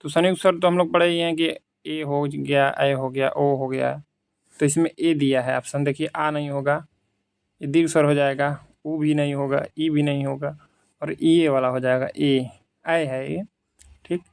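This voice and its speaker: A man teaching Hindi grammar through quiz questions. He reads out the options slowly, then explains them in casual, conversational Hindi. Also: on the high side, little pitch movement, vocal fry, clear, resonant tone, no echo. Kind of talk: quiz lesson, reading questions and explaining answers.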